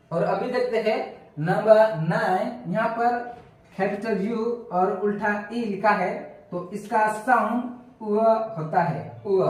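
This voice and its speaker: Male pronunciation teacher, high voice, very slow and deliberate, in a very echoey room. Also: far from the mic. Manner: drawn-out model sounds, repeated twice. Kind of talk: slow step-by-step pronunciation lesson.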